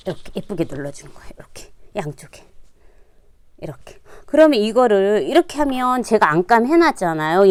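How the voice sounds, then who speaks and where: A middle-aged woman leads a hands-on sewing lesson in a casual, chatty way, her pitch rising and falling a lot. She keeps narrating each step with "like this" while she works. She drops to a soft murmur during the fiddly stitching. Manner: demonstrative, repeats "like this" while working. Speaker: sewing instructor. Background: sewing machine running.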